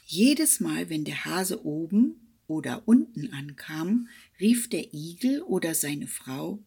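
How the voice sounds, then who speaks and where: A woman tells a fairy tale in an expressive, unhurried reading voice. She slips into whispers for some passages. Her tone is a little husky and her melody moves widely. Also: deep voice. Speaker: storyteller.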